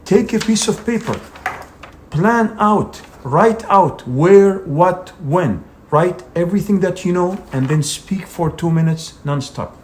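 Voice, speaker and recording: A man's voice: sits high, lively intonation, takes it slowly, a little mellow, slight background noise. A man teaching an English speaking exam lesson, talking in an emphatic, direct coaching manner with frequent "you know" fillers. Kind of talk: instructional video lesson.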